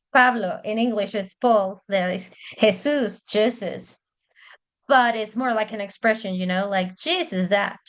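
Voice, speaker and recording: Woman, native Spanish speaker, unhurried, hesitant with fillers, dull lo-fi sound. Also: mid-range voice, clear, resonant tone. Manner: hesitant, many fillers and restarts. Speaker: church interpreter. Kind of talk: casual explanatory talk.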